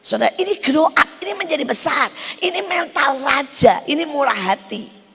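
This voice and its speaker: A woman preacher delivering a fiery sermon, swinging from loud shouted bursts down to near whispers. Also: high voice, animated, moderate pace, vocal fry, in a large hall. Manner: fierce, loud bursts then sudden drops to near whisper.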